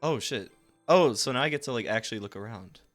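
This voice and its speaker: A man streaming a detective game, reacting in excitable casual commentary with frequent swearing and laughter. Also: medium pitch, fairly quick, faint music behind.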